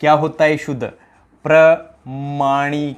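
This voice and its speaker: A man with a Rajasthani accent teaches an exam-prep grammar lesson in a mid-pitched voice. He drills every answer by asking the question again and again, and he keeps addressing his students as companions. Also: a little slow, lo-fi sound.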